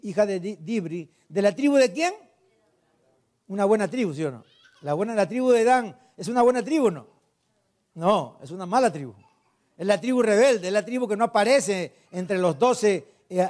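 Male pastor with a high voice, preaching emphatically and quizzing the congregation. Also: normal speed. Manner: asks the congregation questions and answers them himself; retells scripture with emphatic, animated delivery. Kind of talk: sermon.

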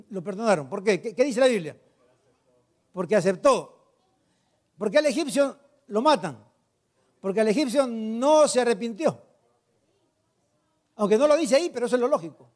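Male pastor with a high voice, preaching emphatically and quizzing the congregation. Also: moderate pace, pauses often. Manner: asks the congregation questions and answers them himself; retells scripture with emphatic, animated delivery. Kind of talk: sermon.

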